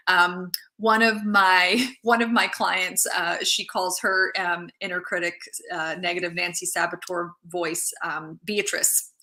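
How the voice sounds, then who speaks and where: On her casual live stream, a woman working as a mindset coach speaks in a lowish, sharp-toned voice. She talks loosely, often restarting phrases, and says hello to viewers as they pop in.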